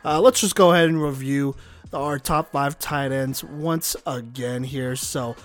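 A man's voice: mid-range voice, unhurried, faint music behind. An American man hosting a sports talk show, reading out a ranked list in top ten countdown style, announcing each place and name in turn.

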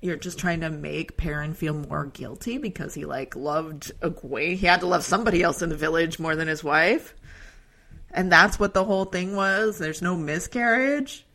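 A bright, edgy woman's voice with a gravelly fry underneath, chatting through an episode recap on a podcast. She talks in an animated, loose way, laughing often and leaning on "like" and "um". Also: low voice, normal speed. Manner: animated, acts out character lines in exaggerated voices. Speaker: podcast co-host. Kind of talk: casual recap chat.

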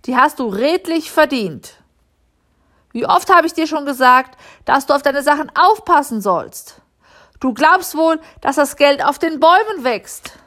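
Shrill, loud-mouthed mother, put on by a woman reading aloud, pitched high. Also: expressive, measured pace. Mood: angry scolding. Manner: shrill, raised voice. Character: loud scolding middle-aged mother, shrill.

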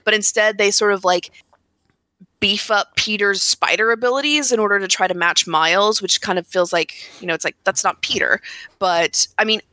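A woman talks games on a podcast in a bright, forceful voice. She rushes through thoughts, restarting sentences and dropping "like" all over. The sound is close and dry. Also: mid-range voice, dry recording. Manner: rapid, full of "like" fillers and restarts. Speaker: podcast panelist. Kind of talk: casual chat about video games.

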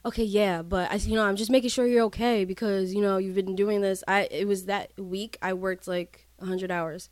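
A woman's voice: medium pitch, normal speed, hardly any pauses, no room sound. A woman, co-hosting a podcast and telling stories in casual chat, acting out the dialogue. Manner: animated storytelling, acts out quoted dialogue. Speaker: podcast co-host.

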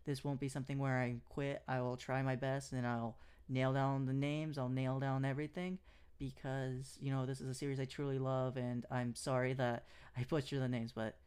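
This podcast host is a native English-speaking man whose medium-pitched voice stays fairly flat, at a moderate pace, with a slightly mellow, clear, resonant tone. Alone on his show, he recaps and analyzes in a loose way, often using fillers and starting over.

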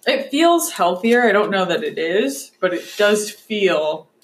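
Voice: mid-range voice, sing-song, a little slow, a bit bright. A young guest on a laid-back podcast, talking over food. Agreeable and easy, with frequent short replies. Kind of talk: casual chat while eating.

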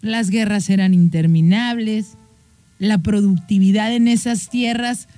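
A woman's voice: mid-range voice, steady tone, unhurried, mellow. A woman with a Mexican accent hosts a show. She tells history in a casual, playful, teasing way. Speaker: host.

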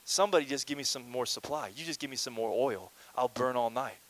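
A male pastor from Canada preaching a lively, conversational sermon with playful asides and calls to the congregation. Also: medium pitch, a little fast, poor audio.

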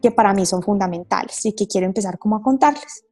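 Appearing as a guest, a woman who is a wellness therapist and a mother shares her personal story. Her medium-pitched, darkish voice is earnest, full of fillers and slowed pauses, with soft music playing in the background.

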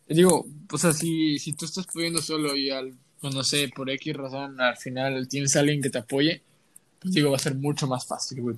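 A man's voice: on the high side, a little hiss or hum. A young man with a Mexican accent co-hosting a podcast, chatting casually in slang and telling stories with energy. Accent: Mexican Spanish. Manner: slangy, animated storytelling. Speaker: podcast co-host.

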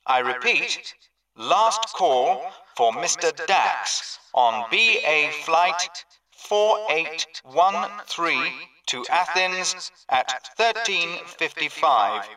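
A man reading airport announcements in a slow, deliberate, formal manner. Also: fairly high pitch, very animated, bright, forceful tone, recorded from a distance, low-quality recording. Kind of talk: scripted public announcement.

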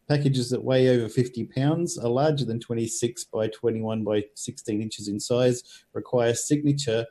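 A man's voice: medium pitch, mellow. A man with an Australian accent presenting tech news, reading items out and explaining them.

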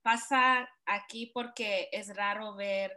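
A woman's voice: medium pitch, slow. A young woman from California with a Mexican Spanish accent, telling her story in a casual interview with many fillers. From California, United States. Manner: relaxed storytelling with frequent fillers and laughs.

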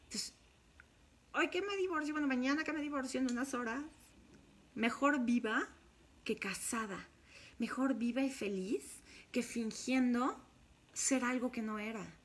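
A woman's voice: on the high side, measured pace, pauses often. A woman with a Mexican accent, a spiritual course leader, speaking to her viewers in a frank, emphatic confessional monologue.

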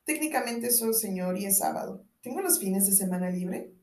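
A woman's voice: medium pitch, expressive, moderate pace, a little mellow, far from the mic, natural voice. A woman reading the lines of a drowsy young female employee who is politely teasing her boss, in an audiobook with a roomy echo. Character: sleepy young woman employee, dry and cheeky.

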